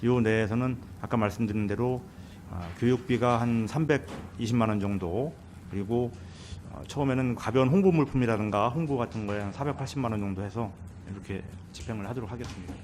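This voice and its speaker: A man, a department head, giving deferential, somewhat halting formal answers at a council meeting. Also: medium pitch, a little mellow, slight background noise. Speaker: department head, senior welfare official.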